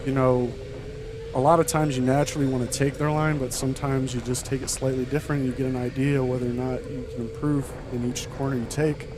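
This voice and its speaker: A man's voice: medium pitch, flat delivery, fast, noisy background. A man interviewed as a guest driver in a booth on a headset, out of breath, speaking loosely with many fillers. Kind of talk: casual interview. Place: announcer booth at an indoor kart track.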